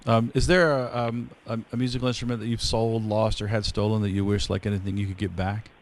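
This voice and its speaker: Male podcast host, slightly low voice, loose and chatty, rambles through stories. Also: little pitch movement, fast talker, slight background noise. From rural area. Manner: chatty, rambling storyteller with many fillers. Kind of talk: casual interview chat.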